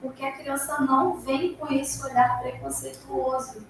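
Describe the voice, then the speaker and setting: A woman's voice: sits high, steady tone, measured pace. Earnest woman speaking in an echoing hall. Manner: earnest, recounts personal experience. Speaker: class participant. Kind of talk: spiritist study class talk. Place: spiritist center hall. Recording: echoey room from far off, faint hiss.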